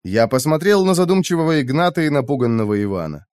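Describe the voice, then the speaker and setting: A man reads a first-person audiobook with a weary, bitter edge. His pitch moves a lot through the sentences. The recording is dry and close, with no room sound. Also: big pitch swings, fast, a little mellow, clean tone, no echo. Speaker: audiobook narrator.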